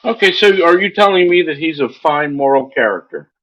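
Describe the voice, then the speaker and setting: A man's voice: fairly high pitch, animated, a little fast, highs cut off. A man calling in from home while doing dishes, needling the host with pushy, provocative questions.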